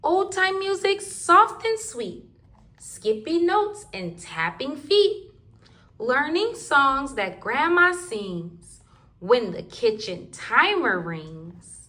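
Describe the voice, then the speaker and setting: A woman's voice: sits high, sing-song, slow, sharp tone. A woman reading rhyming picture books aloud to toddlers in a sing-song, rhythmic way. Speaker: children's book reader.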